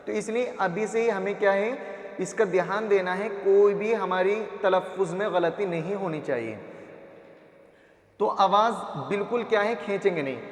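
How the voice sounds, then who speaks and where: High-voiced man teaching letter sounds, echoey. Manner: drills letter sounds, repeats each syllable, asks and answers his own questions. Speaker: Quran reading teacher. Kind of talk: slow classroom recitation lesson. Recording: echoey roomy reverb.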